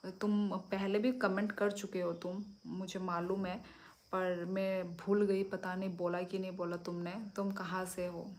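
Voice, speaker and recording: Middle-aged woman, unhurried livestream chat, phone mic at home. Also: lowish voice, level tone, a little mellow. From Tripura, India. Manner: slow, easygoing, answers viewers one by one. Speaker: livestream host. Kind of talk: casual live chat reading comments. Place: home at night.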